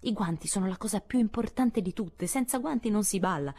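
A woman's voice: medium pitch, animated, fairly quick, warm tone, voice pushed up. A woman reading an audiobook, voicing a fussy, proper sixteen-year-old girl who frets about appearances. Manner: anxious, insistent about appearances.

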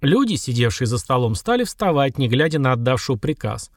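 A man narrating an audiobook in a measured, even storytelling manner. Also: mid-range voice, dry recording, studio quality. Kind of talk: scripted narration.

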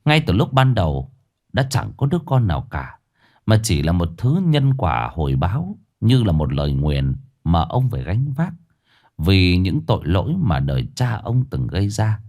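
Guy telling a ghost story, low voice, very lively, faint music. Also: normal speed. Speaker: narrator.

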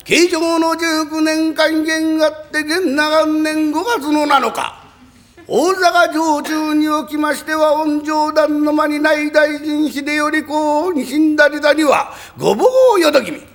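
Pompous battle storyteller, put on by a rakugo man, slow chanting, high and gravelly. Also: fairly even intonation, a bit bright, exaggerated voice. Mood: grand declaiming. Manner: slow, drawn-out chanting recitation. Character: pompous male storyteller declaiming a battle tale. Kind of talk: rakugo performance.

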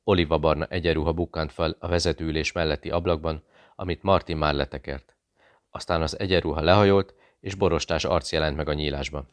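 A man narrating an audiobook in a measured, even storytelling manner. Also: extremely low pitch, no echo.

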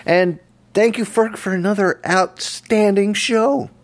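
A man hosting a casual radio show, chatty and relaxed. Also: high voice, slow pace. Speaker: host.

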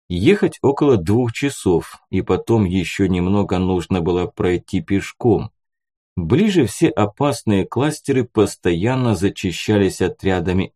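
Guy narrating an audiobook, low mellow voice, bumps it up for dialogue. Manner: lifts his voice for other characters' lines.

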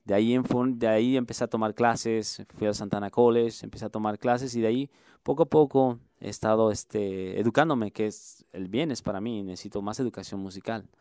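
Earnest Mexico City musician, smooth voice. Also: male voice, on the low side, darkish tone, dry recording, studio quality. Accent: Mexico City Spanish. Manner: earnest, halting, many fillers and restarts. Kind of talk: radio interview.

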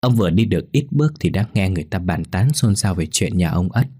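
A man narrating a ghost story in a steady storytelling manner. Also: low-pitched, quick pace.

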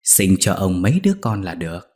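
A man voicing a lecherous, domineering old village chief who talks low, coaxing and commanding. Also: big pitch swings, fairly quick, a little mellow.

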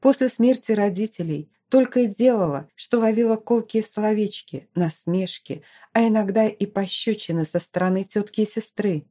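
A woman reads a first-person novel aloud in a mellow, warm voice at a middle pitch. Her storytelling is expressive and scripted, and she gives each sentence a clear shape. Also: moderate pace, hardly any pauses. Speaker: audiobook narrator.

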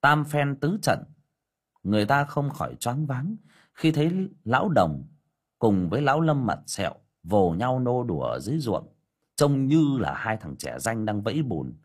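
A man narrating an audiobook story in a colloquial, lively storytelling manner. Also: medium pitch, normal speed, slightly rough.

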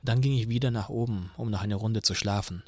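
A man reading an audiobook in the first person, in a calm, measured way. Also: lowish voice, no echo, studio quality. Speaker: audiobook narrator. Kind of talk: scripted audiobook narration.

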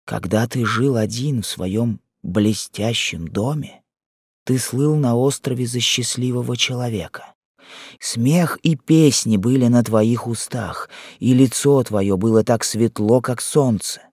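A man's voice: mid-range voice, a little slow, darkish tone, husky, dry recording. Brief: male reader doing a young wife in an audiobook, raised and emotional, devoted, dry booth. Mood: tearful. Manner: raised, emotional, pleading delivery. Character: devoted young island wife, pleading and fierce. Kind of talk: audiobook character reading.

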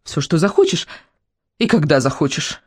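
A woman's voice: low-pitched, sing-song, moderate pace, darkish tone, breathy edge, dry recording, studio quality, heavily acted. A woman voicing a desperate young woman who pleads through tears. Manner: pleading, tearful.

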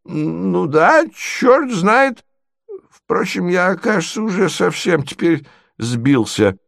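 A man's voice: high-pitched, big pitch swings, takes it slowly, gravelly, fairly bright tone, no room sound, clean studio sound, voice pushed up, heavily acted. Figure: a man doing a muddled, quavering old prince. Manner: muddled, rambling, easily tearful. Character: doddering confused old prince, sentimental.

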